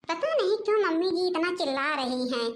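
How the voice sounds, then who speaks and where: A woman's voice: very high voice, animated, a little fast. A woman voicing a meek, overworked young daughter-in-law in a cartoon, speaking timidly and apologetically. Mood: worried.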